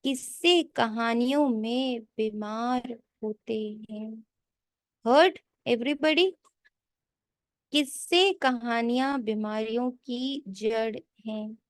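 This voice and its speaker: A woman spiritual teacher giving a sermon, slowly repeating key lines for emphasis and mixing in English phrases. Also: a little high, no room sound, clean studio sound. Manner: mixes English phrases into her talk. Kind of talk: sermon explaining a daily scripture reading.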